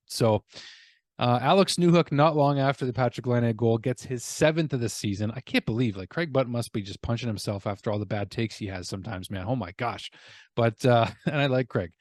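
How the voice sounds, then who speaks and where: A man's voice: mid-range voice, a little fast, a little mellow, no echo. Rambling joking guy, dry sound. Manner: rambling, joking, self-mocking. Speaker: hockey fan vlogger. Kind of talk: casual game recap.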